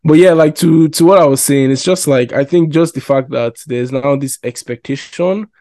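Mellow-voiced young man, reflective. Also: fairly high pitch, moderate pace, no echo. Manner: reflective, hesitant, thinks aloud with many fillers. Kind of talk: casual chat.

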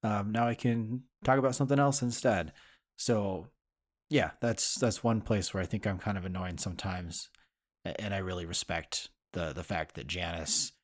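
A man co-hosting a podcast, talking casually in a rambling way with fillers and soft laughs. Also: low voice. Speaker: podcast co-host. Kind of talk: casual chat.

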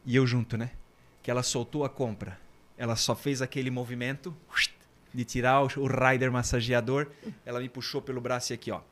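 A man from Brazil, a priest, telling a childhood story in a lively, casual podcast chat and mimicking the people in it. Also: medium pitch, a little hiss or hum. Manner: lively anecdotes, mimics voices and laughs often.

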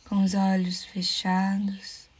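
The guide is a woman from Brazil with a mid-range voice, leading a meditation in a breathy, soft near-whisper. She sounds calm and soothing and pauses at measured intervals.

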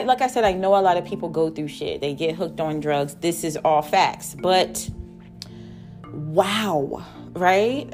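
A woman telling a story casually to her viewers, animated and swearing freely, her laughter never far off. Her voice sits a little low, with faint music underneath. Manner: animated, profane storyteller who laughs between lines.

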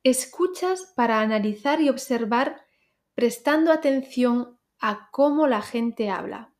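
A woman hosting a pronunciation podcast, teaching learners in a clear, deliberate way and speaking directly to the listener. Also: a little high, expressive.

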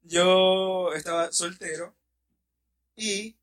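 A young man from Ecuador, telling a story on a podcast with friends, animated and laughing. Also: high voice, extremely slow. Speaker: podcast co-host. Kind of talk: casual storytelling among friends.

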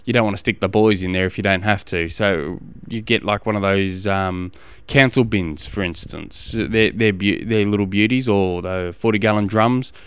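A man with an Australian accent giving casual coaching advice as a podcast host, halting and often repeating phrases as he explains. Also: fairly low pitch, a bit bright, clean tone, dry recording.

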